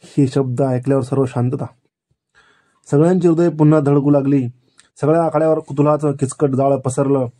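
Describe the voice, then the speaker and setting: A man narrating a novel in the first person, reading slowly and deliberately. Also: medium pitch, fairly even intonation, warm tone. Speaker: audiobook narrator.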